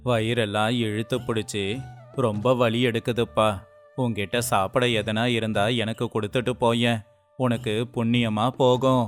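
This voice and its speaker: A man's voice: mid-range voice, level tone, normal speed, faint music behind, pitched below the performer's own voice, lightly acted. A man voicing a frail, hungry old beggar who speaks weakly and pleads for food in a storybook tale. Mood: weak, pleading. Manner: weak, quiet and pleading.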